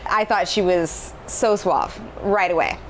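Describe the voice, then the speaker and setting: A young adult woman, a restaurant co-owner, telling stories candidly and relaxed in an interview, lapel mic in a small kitchen. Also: lowish voice, a little slow, a little hiss or hum, poor audio. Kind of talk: casual interview. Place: small commercial kitchen, indoors. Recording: music bed underneath.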